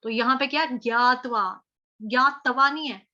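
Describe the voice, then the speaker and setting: Bright high-voiced North Indian woman teaching. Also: highs cut off. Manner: patient, repeats syllables slowly and chants verse lines. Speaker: Sanskrit chanting teacher. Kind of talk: verse pronunciation lesson.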